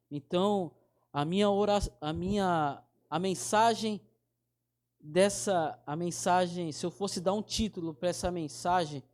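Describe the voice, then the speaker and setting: A man's voice: high voice, a little mellow. A man preaching a casual, direct sermon, often restarting his sentences. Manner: informal, direct, addresses listeners as brother; halting restarts. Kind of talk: conversational sermon.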